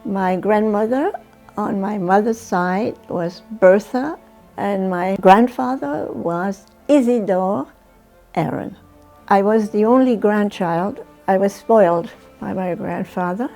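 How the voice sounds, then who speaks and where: A woman in her nineties from Germany, telling her life story in a slow, reflective oral history interview with small hesitations. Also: mid-range voice, warm tone. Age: 90s. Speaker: Holocaust survivor interviewee.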